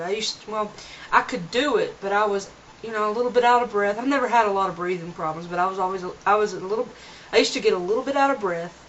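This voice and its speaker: A young woman with a medium-pitched, fairly bright voice rambles earnestly in her casual home vlog, restarting sentences as she goes. Recorded on a camera mic, it sounds like dull lo-fi home video with a little hiss or hum.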